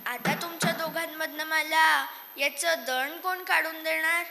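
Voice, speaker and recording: A woman's voice: sits high, steady tone, measured pace, gravelly, sharp tone, slight background noise, full character voice. A woman voicing a hardworking male rooster who speaks firmly and asks pointed questions. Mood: asking. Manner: firm, questioning, matter-of-fact. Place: stage in a hall. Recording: echoey hall.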